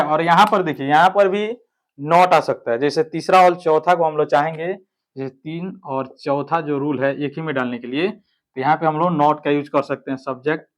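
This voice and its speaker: Guy teaching an online grammar class, slightly high voice, keeps asking ok?. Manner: explains step by step, keeps checking with "ठीक है".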